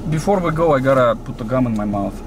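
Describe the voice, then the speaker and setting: A young man with a Russian accent talking deadpan and teasing during a prank date, filmed in a parked car. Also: medium pitch, quick pace. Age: young adult. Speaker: prank vlogger. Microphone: hidden dashboard camera. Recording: loud car and street noise.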